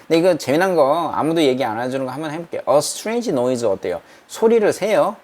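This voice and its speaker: A man giving a university English reading lesson in a small room that is not a studio. He reads English sentences slowly, then explains them in Korean and asks the class questions. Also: fairly high pitch, big pitch swings, a little mellow. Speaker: English lecturer.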